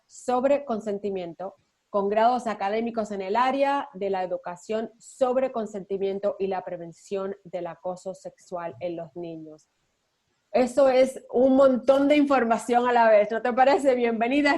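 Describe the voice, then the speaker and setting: A woman's voice: mid-range voice, darkish tone. A woman hosting a podcast, introducing the episode and the guest in an upbeat way. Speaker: podcast host.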